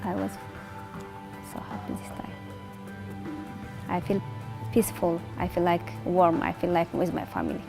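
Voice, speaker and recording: A woman's voice: on the low side, very animated, moderate pace, gravelly, pauses often, music in the background. A woman, a resettled refugee speaking earnestly in simple phrasing in a documentary interview. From Eritrea.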